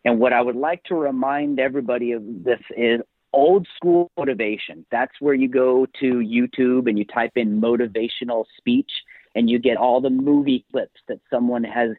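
A man's voice: medium pitch, fairly even intonation, moderate pace, no room sound. A male author talking as a podcast guest, telling stories in an emphatic motivational-speaker way, heard over a tinny, phone-like line. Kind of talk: podcast interview.

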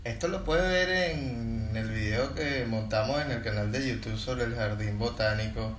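A man chats casually as a travel podcast co-host. His voice sits at a middle pitch. The room is echoey, with faint background noise. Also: moderate pace.

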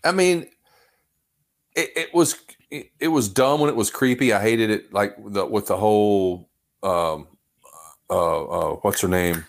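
Man, podcast co-host, casual chat, low voice, relaxed and rambling. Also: measured pace, gravelly, long pauses. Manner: laid-back, rambling, lots of fillers.

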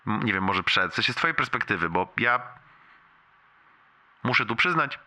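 Casting: young man, lowish and very sharp, forceful voice, leaving a sweary, rambling voicemail, amused but wincing. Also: sing-song, normal speed. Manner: rambling, colloquial, heavily sweary storytelling; amused, wincing with pain as he talks. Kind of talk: leaving a casual voicemail to a friend.

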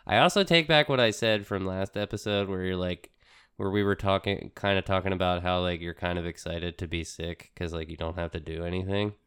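A man co-hosting a casual podcast while sick, with a congested, stuffy nose and a croaky, froggy voice. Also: low-pitched, fairly even intonation, brisk, fairly bright tone. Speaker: podcast co-host.

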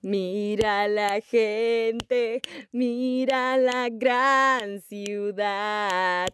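A young woman playing an excitable fan who rambles, shrieks, swears and breaks into song in an audio story. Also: medium pitch, very slow, slight background noise. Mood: dreamy singing.

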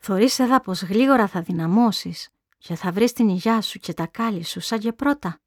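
A woman reading aloud plays an anxious older mother from Crete, talking eagerly and hopefully to her sick daughter. Her voice is mid-pitched and close, with a dry storybook-reading sound. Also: a little mellow, dry recording, close to an everyday voice.

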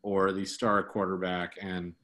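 A man's voice: deep voice, flat delivery, measured pace, fairly bright tone. A man co-hosting a sports podcast, talking casually about football with many fillers and restarts.

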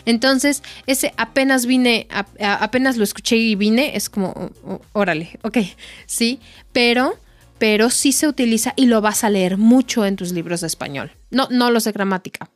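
A young woman with a Mexican accent co-hosting a casual Spanish lesson podcast, telling animated stories. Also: normal speed, no echo. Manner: animated storytelling, acts out quotes in a high voice. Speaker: podcast co-host and Spanish tutor.

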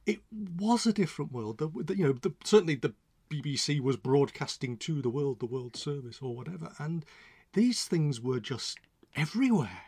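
Man, mid-pitched, from England, rambling casual chat, dry recording. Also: fairly quick, dark tone, slightly rough, dry recording. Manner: rambling, self-interrupting, chatty. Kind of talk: casual chat about old comedy.

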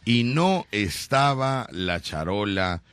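A man with a Mexican accent hosting a casual radio show, telling stories in an animated way and acting out the quotes. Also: on the low side, takes it slowly, over loud music. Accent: Mexican Spanish. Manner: animated storytelling, acts out quotes. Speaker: radio host.

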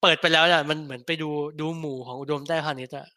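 A man co-hosting a casual film podcast, talking bluntly with crude slang and many halting restarts. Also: fairly high pitch, steady tone, pushed and bright, dry recording. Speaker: podcast co-host.

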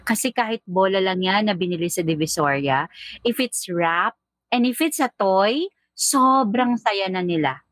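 Woman, casual chat, animated storytelling, Taglish, dry close sound. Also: mid-range voice, unhurried, dry recording. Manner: lively storytelling, mixing Tagalog and English.

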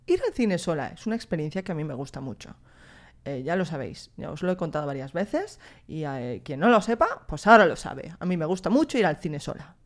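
A young woman with a Spain Spanish accent rambles through a casual podcast monologue. Her voice sits fairly low for a woman. She talks freely, tossing in slang, mild swearing and lively asides. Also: brisk. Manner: chatty and slangy, mildly profane, lively asides. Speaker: podcast host.

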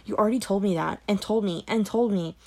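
A woman's voice: medium pitch, a little fast, natural voice. Woman doing a whiny sulky teen girl. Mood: frustrated. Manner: whiny, thick-voiced as if crying. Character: sulky, resentful teenage girl. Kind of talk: audiobook character voice.

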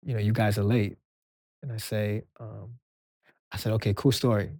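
A soft-spoken man from Brooklyn, a music executive guest, telling stories in an interview and acting out the dialogue. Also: on the low side, moderate pace, no room sound, clean studio sound. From Brooklyn, New York. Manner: animated storyteller acting out quoted dialogue. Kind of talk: storytelling interview answers.

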